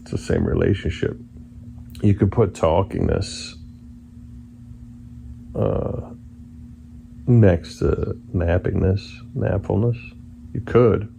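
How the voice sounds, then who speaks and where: Drowsy, very gravelly low-voiced man. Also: takes it slowly, long pauses. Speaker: vlogger. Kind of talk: rambling casual monologue to camera. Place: at home on a couch near the kitchen. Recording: loud hum of fridge and air conditioner. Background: humming refrigerator and air conditioning blower.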